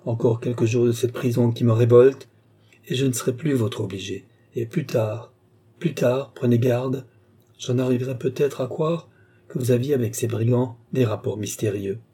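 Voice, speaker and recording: A man's voice: medium pitch, steady tone, normal speed, warm tone, husky, lightly acted. A man reading an audiobook, voicing a furious, desperate young captive woman in raised, pleading and defiant outbursts.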